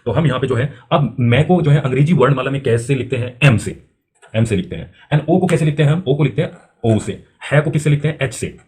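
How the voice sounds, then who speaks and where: A man's voice: mid-range voice, lively intonation, fast, a little mellow. Man, teaching step by step. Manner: step-by-step explaining, asks and answers himself; repeats filler phrases, drags out spelled letters. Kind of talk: spoken-English lesson for beginners.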